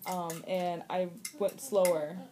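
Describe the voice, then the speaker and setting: A woman's voice: fairly low pitch, level tone, takes it slowly, a crowd in the background. A woman giving a casual, rambling post-surgery update in a conversational way, peppered with filler likes. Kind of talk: casual chat to camera.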